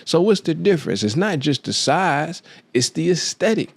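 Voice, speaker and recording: A man's voice: a little high, big pitch swings, moderate pace, vocal fry, breathy edge, no echo. A man hosting his own show, telling a film story in a casual, slangy way and acting out the quotes as he goes. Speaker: podcast host. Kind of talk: casual monologue, film analysis.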